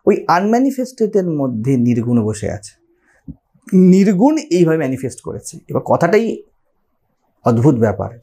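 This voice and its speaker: A man's voice: high voice, mellow. A man with a Bengali accent giving a spiritual lecture on scripture, explaining step by step and often checking with his listeners through rhetorical questions. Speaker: spiritual teacher.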